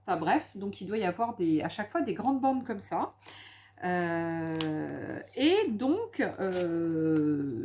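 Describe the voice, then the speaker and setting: Woman, from France, casual craft vlog, enthusiastic, hesitant restarts, lively pitch. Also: a little hiss or hum. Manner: chatty, enthusiastic, full of hesitations and repeats. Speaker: crafting vlogger. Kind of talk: casual haul and craft chat.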